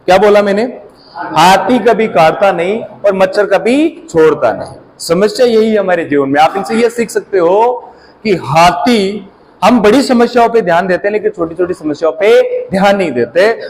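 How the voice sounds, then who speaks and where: High-voiced man teaching a drilling class. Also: a little mellow, slight background noise, low-quality recording. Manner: quizzes the class with repeated call-and-response prompts; repeats key terms slowly for emphasis. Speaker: competition exam teacher. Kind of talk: classroom lecture.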